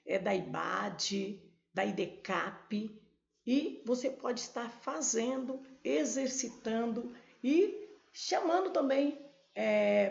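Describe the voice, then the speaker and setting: A woman's voice: mid-range voice, vocal fry, darkish tone, echoey room, lo-fi sound. A Brazilian woman teaching a Portuguese grammar lesson for exam prep, explaining step by step and talking straight to her viewers. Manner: slow, explanatory, addresses viewers directly.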